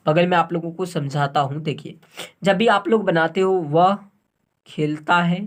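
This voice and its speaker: A man's voice: fairly high pitch, fairly even intonation, unhurried. A male English grammar teacher giving a tutorial lesson. He repeats each phrase, asks and answers his own questions, and spells words letter by letter.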